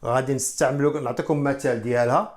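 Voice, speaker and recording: A man with a Moroccan Arabic accent teaching beginner English, explaining in Arabic and repeating English example sentences slowly. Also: mid-range voice, fairly even intonation. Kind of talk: beginner English lesson at a board.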